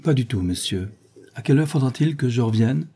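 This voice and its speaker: A man's voice: mid-range voice, lively intonation, brisk, warm tone, husky, voice pushed up. A man voicing a polite, obliging male valet. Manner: polite, deferential.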